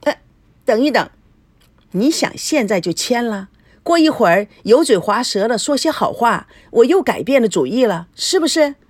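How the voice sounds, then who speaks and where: Fields: Figure: woman voicing a shrieking jealous wife. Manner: scornful, lively. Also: fairly high pitch, moderate pace, dry recording, voice pushed up. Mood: sneering. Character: furious jealous young wife, shrill and spiteful.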